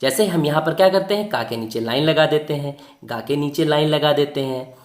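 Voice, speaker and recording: A teacher giving a Hindi spelling lesson to children, slowly sounding out letters and asking the class questions, then answering them. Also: mid-range voice, echoey room.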